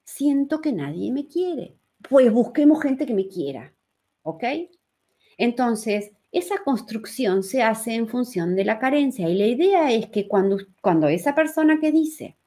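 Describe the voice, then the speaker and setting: This woman, a human design teacher, has a Uruguayan accent and a slightly high, expressive, mellow voice at a measured pace. Teaching in a live, conversational style, she repeats phrases for emphasis and regularly checks in with those listening.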